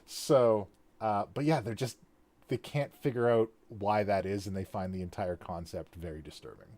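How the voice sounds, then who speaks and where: A man hosting a casual chat about building a fantasy world, talking in a lively way with frequent laughs and restarts. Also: lowish voice, moderate pace. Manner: animated, laughs often, trailing restarts. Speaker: podcast host and worldbuilder.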